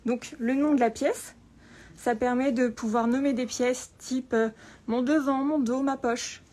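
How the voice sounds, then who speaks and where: A woman presenting an informal tutorial through a face mask, speaking carefully and deliberately with frequent pauses and a slightly muffled sound. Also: high voice, steady tone, warm tone. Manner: careful, deliberate, often pausing. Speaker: patternmaker presenting a lesson. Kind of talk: spoken tutorial with informal explanations. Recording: clear background room noise.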